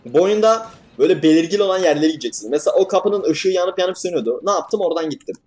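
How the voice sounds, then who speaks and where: A man's voice: a little high, animated, rapid-fire, darkish tone. A young man commentating a horror game as he plays, swearing and yelping at scares, then laughing them off. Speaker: gaming YouTuber.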